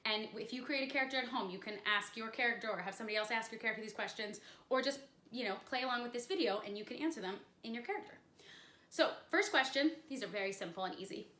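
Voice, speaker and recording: A woman teaching a children's acting workshop from a room at home, upbeat and talking straight to the kids watching, with a fairly flat delivery. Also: fairly high pitch, quick pace, echoey room.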